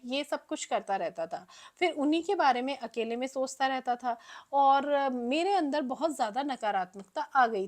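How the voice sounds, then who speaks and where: A humbled young prince opens up in earnest, confessional words, as a woman narrator reads him in her own high voice. The storybook telling stays plain and steady.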